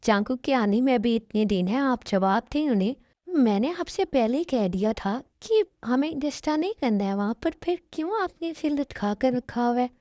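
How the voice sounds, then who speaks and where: A woman's voice: fairly high pitch, expressive, moderate pace, mellow, no room sound, clean studio sound, close to an everyday voice. A woman voicing a worried, stubborn mother in an amateur Hindi dubbed drama, with an insistent, nagging way of speaking.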